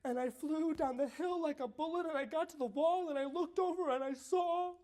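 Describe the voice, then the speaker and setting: A young man performing a dramatic prose interpretation as a college competitor, halting and repeating phrases, swinging from hushed lines to shouting. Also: very high voice. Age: young adult.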